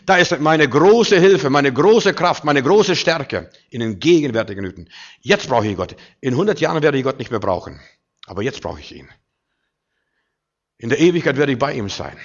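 A man preaching a sermon with emphasis, swinging between loud declarations and quiet, low asides. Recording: dull lo-fi recording.

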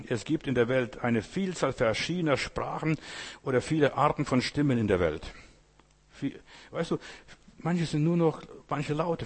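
A man with a medium-pitched, husky voice preaches a sermon, speaking straight to the congregation. He keeps asking "you know?", using "weißt du" and calling listeners "Geschwister".

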